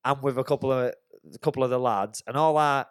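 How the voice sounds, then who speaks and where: A man's voice: medium pitch, quick pace, smooth, no echo, clean studio sound. A man, telling a swear-filled story on a podcast. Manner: swears freely, animated anecdote telling. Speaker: podcast host. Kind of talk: casual chat, storytelling.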